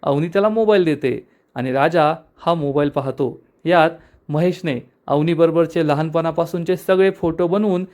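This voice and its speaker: A man narrating a TV episode recap briskly, addressing the viewers as friends. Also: fairly high pitch, a little mellow.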